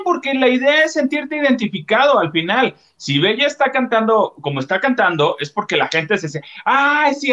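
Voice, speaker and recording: Bright-voiced rambling Mexican man. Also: sits high, lo-fi sound. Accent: Mexican Spanish. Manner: rambling, self-deprecating. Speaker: show co-host. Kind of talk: casual chat.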